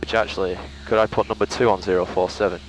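A young male student pilot talks himself through the flying on a headset. His voice is deep and flat, with faint noise behind it. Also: fast talker, rough recording. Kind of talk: casual thinking aloud while flying. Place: small plane cockpit in flight. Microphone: aviation headset.

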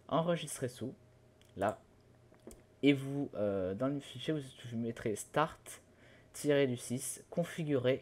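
A young man talks a viewer through steps on his computer in a casual, halting way. He stumbles, restarts and fills pauses as he goes, at an ordinary pitch for a man. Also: a little mellow. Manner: hesitant, many fillers and restarts, loses his words. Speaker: tutorial host. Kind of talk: casual screen-recorded tutorial.

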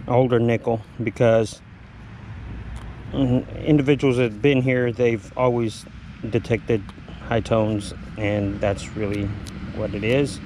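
A man with a drawl talks his way through a metal detecting hunt, a little winded and full of filler words. His voice sits at an ordinary pitch. A faint hum of the outdoors stays underneath. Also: steady tone, slow, dark tone. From Texas. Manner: rambling, with frequent filler words. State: out of breath. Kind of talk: casual narration while digging. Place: outdoors in a humid field.

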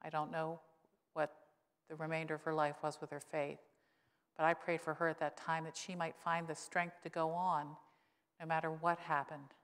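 This pastor, a woman in her sixties, speaks at a moderate pace with a slightly bright tone and little pitch movement. Her sermon is conversational and wryly funny, given at a pulpit microphone in a church sanctuary with long reverb, and she says her voice has lowered since an illness.

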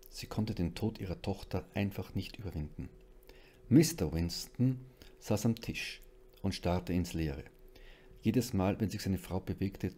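A man reading a horror audiobook aloud in a measured, suspenseful narration. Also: deep voice, mellow. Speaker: audiobook reader.

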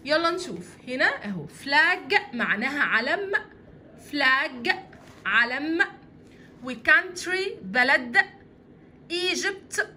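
A high, bright woman's voice with an Egyptian Arabic accent, teaching English to young children over a whiteboard video. She swings her pitch widely and often drags words out slowly to spell them. A faint hiss of background noise sits under her voice. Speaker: English teacher for primary pupils. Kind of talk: online English lesson for children. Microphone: voice-over on an interactive whiteboard video.

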